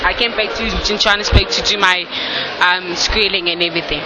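A woman's voice: fairly low pitch, steady tone, fairly quick. A young South African woman whose first language is Xhosa, answering interview questions hesitantly with many fillers. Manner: hesitant, fillers and repeated "yeah". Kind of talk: casual street interview. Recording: loud crowd and street noise.

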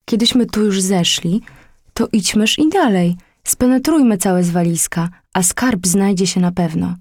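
A woman's voice: mid-range voice, a little slow, a little mellow, breathy edge, no room sound, studio quality. A woman doing a brash, reckless boy. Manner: brash, impetuous. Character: hot-headed, reckless boy.

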